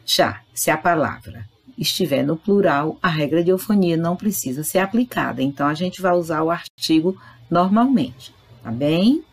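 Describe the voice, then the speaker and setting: A Spanish teacher gives a recorded online grammar lesson, explaining patiently and speaking directly to her students. Her low, husky voice is expressive at a normal speed.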